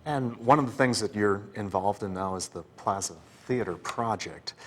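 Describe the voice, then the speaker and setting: A man's voice: on the low side, moderate pace, a bit bright, long reverb tail, a little hiss or hum. A man hosting a public-affairs interview, prompting his guest with friendly questions. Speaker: interview host.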